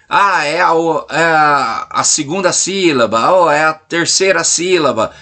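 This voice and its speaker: A Brazilian man teaching a recorded class to young pupils, coaxing and checking in with frequent questions, drawing out key words slowly. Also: on the high side, a bit bright. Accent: Brazilian Portuguese. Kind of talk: recorded remote class lesson.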